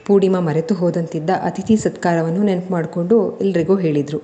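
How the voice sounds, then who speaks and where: A woman storyteller reading a scripted family drama serial in a steady, emotive way. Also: fairly low pitch, a little fast.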